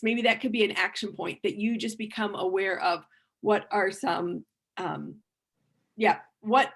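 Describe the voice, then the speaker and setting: A woman's voice: medium pitch, a bit bright. A woman giving a workshop presentation, earnest and thinking aloud, with frequent restarts and repeated words. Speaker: conference speaker.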